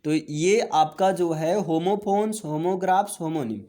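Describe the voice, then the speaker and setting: A man's voice: a little high, mellow. Male teacher quizzing his class. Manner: explains step by step, asking the class questions and answering them himself; mixes English terms into Hindi, reads English lines out slowly. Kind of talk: classroom-style grammar lesson.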